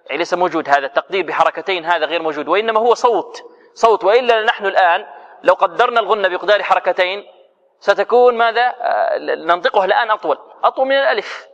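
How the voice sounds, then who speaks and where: A man's voice: sits high, rapid-fire, fairly bright tone. A man teaching Quran recitation, quizzing his students and then answering and demonstrating the sounds himself. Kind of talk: tajweed lesson to students. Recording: muffled lo-fi recording with long hall reverb.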